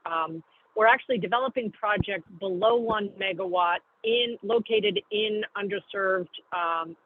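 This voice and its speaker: Woman calling in from her car by phone. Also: mid-range voice. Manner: explains step by step, with pauses and self-corrections. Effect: phone call from a moving car. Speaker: guest speaker. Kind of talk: call-in briefing on a video call. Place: in a car while driving. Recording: tinny phone line from a car.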